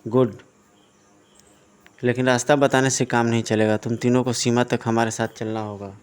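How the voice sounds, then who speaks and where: A cold gang boss on the run barks curt orders and threatens a hostage family, as a storyteller voices him. The voice is smooth and clear in a middle pitch, and it comes from a comic book audio drama. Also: male voice, level tone, moderate pace, natural voice. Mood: threatening.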